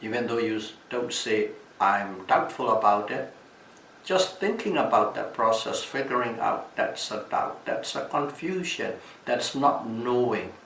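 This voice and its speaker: Slow, gravelly Burmese-accented man. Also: medium pitch, expressive, fairly bright tone. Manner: deliberate, halting, repeats phrases for emphasis. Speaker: Buddhist meditation teacher. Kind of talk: dhamma talk with storytelling. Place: echoey room at a retreat. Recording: distant mic, echoey room, background hiss.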